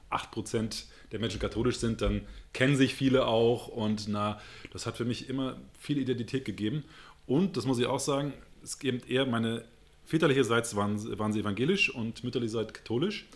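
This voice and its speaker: A brisk, medium-pitched man from Hamburg in northern Germany speaks as an interview guest. His accent is northern German, and his replies are earnest and reflective, with pauses to find the words.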